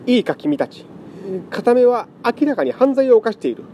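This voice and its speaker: A man voicing a fussy, excitable scholar cat who lectures pompously. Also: very high-pitched, moderate pace, a little hiss or hum, voice pushed up. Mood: excited.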